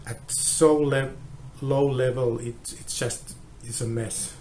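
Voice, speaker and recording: Man on a low-quality phone recording, flat and halting delivery, steady background noise. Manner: halting, with frequent restarts. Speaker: guitar tester. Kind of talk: explaining a measurement test.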